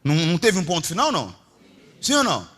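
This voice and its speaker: Middle-aged brazilian pastor, really lively voice, yells then drops low, pentecostal sermon. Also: male voice, fast talker. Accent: Brazilian Portuguese. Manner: dramatic, swings between shouting and low confiding tones.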